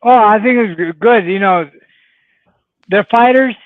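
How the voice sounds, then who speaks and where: A man's voice: high-pitched, measured pace, no echo. A man hosting a boxing talk show from a remote line, making short, emphatic remarks. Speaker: show host. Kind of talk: casual boxing chat. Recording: tinny phone-like line.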